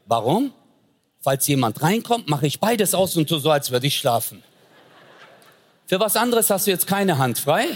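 Stand-up comic, male, slightly raised pitch, playful storyteller who slips into voices. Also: slight background noise. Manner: acts out voices of family and objects. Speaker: stand-up comedian.

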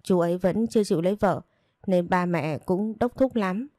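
A woman voicing a gentle middle-aged father who speaks slowly and patiently in a low, mellow voice. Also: no room sound, clean studio sound, natural voice.

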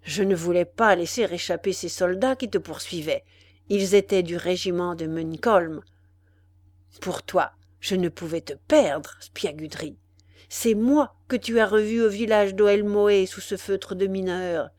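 A woman's voice: mid-range voice, unhurried, darkish tone, no room sound, close to an everyday voice. A woman voicing a small, menacing wild man who speaks in a grim, mocking, threatening way. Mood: accusing.

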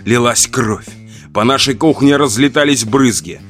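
Man, first-person horror audiobook narration, somber, tense, mid-pitched voice, soft guitar underneath. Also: a little slow.

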